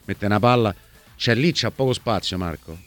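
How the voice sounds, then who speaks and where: A man's voice: on the low side, normal speed, fairly bright tone, soft background music. A man talking football on a studio show, animatedly retelling plays with little sound effects. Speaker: football pundit on a talk show. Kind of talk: casual football debate.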